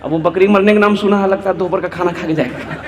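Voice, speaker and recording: A woman's voice: fairly low pitch, fairly even intonation, fast, a little mellow, slight background noise, natural voice. A man voicing an exasperated wife who complains about feeding an uninvited guest, told in his own storytelling voice. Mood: complaining.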